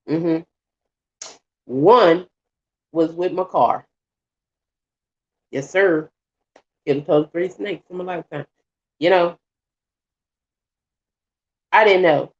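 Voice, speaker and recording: A woman's voice: sits low, muffled recording. A woman casually telling a story while cooking at home, repeating phrases and acting out the voices of people in it. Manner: animated, acts out voices in her retelling; colloquial, repetitive phrasing. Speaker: vlogger. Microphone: home recording while cooking.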